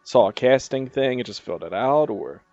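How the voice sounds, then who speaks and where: A man's voice: mid-range voice, expressive, moderate pace, a little mellow, no echo, muffled recording. Laid-back male radio host. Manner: laid-back, loose questions. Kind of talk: casual interview.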